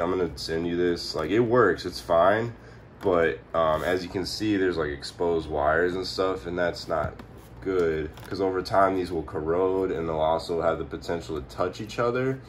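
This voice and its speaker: A hungover man giving a casual, off-the-cuff how-to at home in a laid-back, rambling, slangy way. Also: deep voice. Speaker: presenter of a home stereo tutorial. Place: indoors at home, behind the camera. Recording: noticeable background noise, handheld home video.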